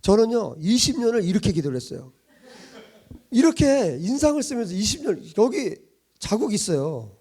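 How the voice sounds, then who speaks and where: A man's voice: high-pitched, big pitch swings, normal speed, a little mellow, husky. A middle-aged man pastor giving a sermon in a conversational style, chuckling often and asking many rhetorical questions.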